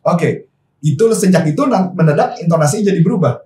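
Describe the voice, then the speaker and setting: A man coaching on business calls in a relaxed, explanatory way, slipping in casual slang and English phrases. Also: a little high, quick pace. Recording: echoey room from far off.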